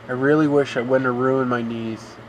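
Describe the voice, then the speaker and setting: A man's voice: mid-range voice, background noise. Male game streamer, rambling and complaining, mid-range voice. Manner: rambling, complaining, fills with "you know". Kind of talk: live gameplay commentary.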